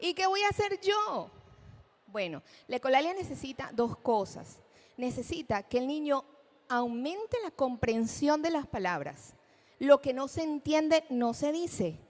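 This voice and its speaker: A woman giving a lecture at a live event, animated, asking the audience questions and acting out examples. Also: unhurried. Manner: acts out children's speech in a high voice. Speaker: speech therapist giving a talk. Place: event hall.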